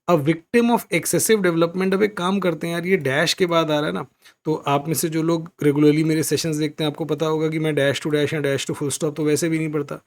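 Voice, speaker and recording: A young male exam-prep teacher with an Indian English accent talks through a recorded lesson, switching easily between Hindi and English. His voice sits somewhat high, and he slows to a careful crawl when he reads passages aloud. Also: gravelly, darkish tone. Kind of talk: recorded lesson explaining a question.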